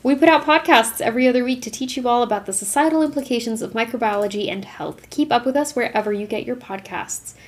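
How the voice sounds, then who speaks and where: Young woman cohosting a podcast, kinda high voice, chatty and laughing a lot. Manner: lively, quick to laugh, playful outro. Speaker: podcast co-host. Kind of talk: casual podcast chat.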